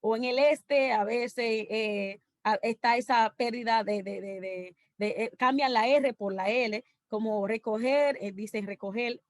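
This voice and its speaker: A woman's voice: fairly high pitch, a little slow, no echo. Dominican woman giving an academic talk. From Dominican Republic. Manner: explanatory, lecturing through lists of examples. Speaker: conference presenter.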